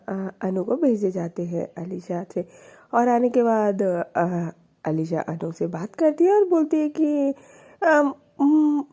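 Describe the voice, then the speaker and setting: A female storyteller tells a love story in a relaxed, conversational way, breaking in with her own asides. Her voice sits a little high, and its tone is very mellow and dark. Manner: chatty, lively asides. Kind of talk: casual spoken storytelling.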